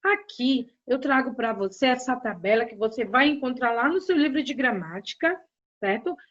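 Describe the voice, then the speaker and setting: High-voiced woman teaching grammar slowly. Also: lively intonation, a bit bright. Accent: Brazilian Portuguese. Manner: slow, deliberate explanation addressing students directly. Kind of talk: grammar lesson narration. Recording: dull lo-fi audio.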